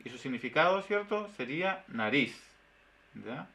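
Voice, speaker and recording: A Chilean teacher gives a lesson over a video call, his voice bright, forceful and a little high. He draws out each word and checks in with constant tag questions. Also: big pitch swings, normal speed. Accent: Chilean Spanish. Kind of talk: webinar lesson.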